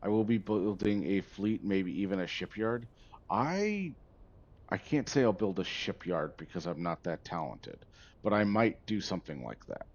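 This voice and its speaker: Male gaming streamer, low-pitched, chatty and sidetracked, slightly muffled lo-fi stream audio. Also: sing-song, moderate pace. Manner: rambling, easily sidetracked, chatty with a viewer. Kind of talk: casual livestream chat.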